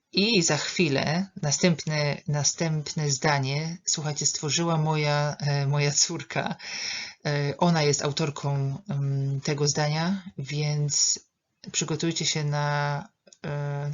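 Slow, low-voiced woman teaching pronunciation. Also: muffled recording. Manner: patient, modelling English words slowly and repeating them. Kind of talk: online pronunciation lesson.

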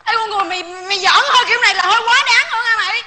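A woman's voice: very high voice, racing, sharp tone, full character voice. A woman playing an indignant vendor friend who scolds in a comedy sketch.

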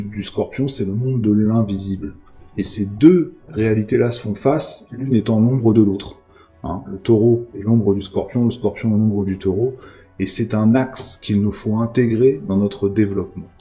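Low, mellow-voiced man teaching astrology. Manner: explanatory, with frequent fillers and "hein". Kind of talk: spoken astrology lesson.

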